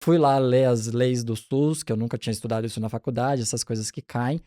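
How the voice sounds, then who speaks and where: A man in his forties, a pediatric neonatologist, telling his career story in a relaxed, chatty interview with frequent restarts. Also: mid-range voice, a little fast, dry recording, studio quality.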